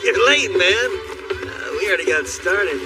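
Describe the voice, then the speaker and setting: A boastful, rowdy young warrior in a dubbed anime, high for a man and swinging widely in pitch as he shouts and teases. He sounds set back from the mic, under a loud score. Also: lively intonation, a little slow, recorded from a distance, over loud music. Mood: boisterous. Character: brash boastful young male spearman. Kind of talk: anime English dub.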